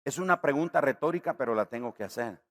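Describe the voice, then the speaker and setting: Expressive and quick, a Nicaraguan man preaches a sermon as a pastor, acting out his stories' voices. His pitch and volume climb on key words.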